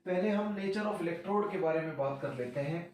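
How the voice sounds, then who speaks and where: An Indian man teaching a chemistry class, slowly dictating definitions word by word. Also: high-pitched, a little mellow, slight background noise. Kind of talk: classroom lecture. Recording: very echoey room, voice from far off.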